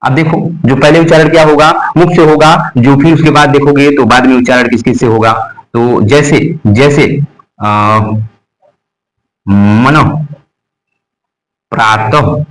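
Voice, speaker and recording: A man's slightly high voice holds a steady tone at a moderate pace, captured on a rough recording. It's a classroom lesson on Hindi grammar in which he drills pronunciation, repeating terms and answering the questions he asks himself.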